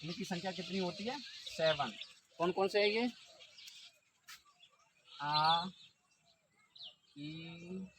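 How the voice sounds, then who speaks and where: A man's voice: high-pitched, extremely slow, long pauses. A man teaching an exam-prep lesson who asks questions and answers them himself, stretching words out to show calling someone. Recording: outdoor noise with birdsong.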